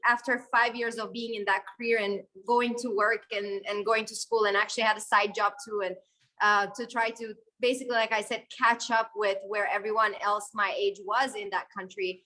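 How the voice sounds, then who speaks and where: A young Syrian woman, a guest videographer, tells her story in a lively, conversational interview answer packed with fillers and restarts. Her voice is on the high side, her pace moderate, and the audio quality is poor.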